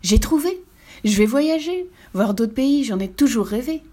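A woman voicing an eager young male wolf traveler in a storybook, talking in excited exclamations. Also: medium pitch, moderate pace, breathy edge.

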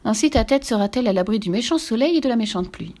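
A woman's voice: on the high side, animated, fast, mellow, voice pushed up. A woman voicing a cheerful young countess and mother who speaks in a sweet, coaxing way.

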